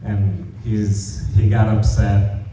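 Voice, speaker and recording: A man, a parent, telling informal, rambling stories at a memorial, with many pauses and "uh"s. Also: on the low side, little pitch movement, noisy background. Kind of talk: personal storytelling at a memorial. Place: large echoey hall. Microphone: distant room mic. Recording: muffled, echoey hall from far off.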